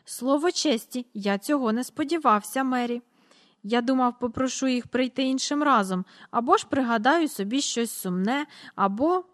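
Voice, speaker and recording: A woman reading a storybook aloud, voicing a jolly, giggly old gentleman who keeps bursting into laughter. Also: sits high, lively intonation, normal speed. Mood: apologetic.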